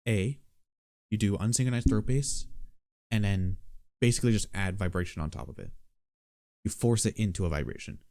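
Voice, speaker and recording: A man giving a casual spoken beatbox tutorial, explaining in a relaxed, matter-of-fact way. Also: on the low side, normal speed, pauses often, no echo, clean studio sound.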